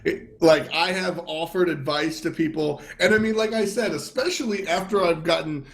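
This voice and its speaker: Animated higher-voiced man chatting. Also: normal speed, vocal fry. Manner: animated, acts out quotes in jumpy voices. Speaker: podcast co-host. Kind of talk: casual chat.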